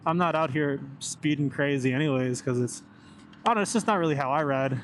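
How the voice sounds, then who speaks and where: A man's voice: fairly high pitch, brisk. Young man rambling inside a motorcycle helmet. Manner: talking inside a motorcycle helmet while riding; informal, meandering, mildly sweary. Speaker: motorcycle vlogger. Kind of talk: casual rambling motovlog chat. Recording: steady engine and road noise.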